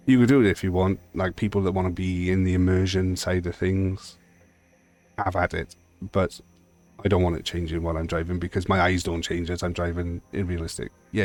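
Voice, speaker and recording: A man with a Welsh accent giving a casual, blunt and rambling walkthrough of game settings as a video host. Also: deep voice. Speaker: sim racing video host.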